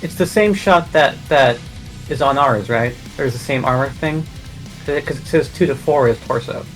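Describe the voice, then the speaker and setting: Male tabletop player, mid-pitched voice, hesitant, restarts his sentences. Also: moderate pace, soft background music, low-quality recording. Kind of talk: casual tabletop play.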